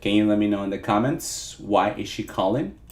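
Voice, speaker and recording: A man's voice: fairly low pitch, normal speed, darkish tone. A man teaching a live interactive online lesson, repeating points and often checking in with his listeners. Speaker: teacher of call-centre English.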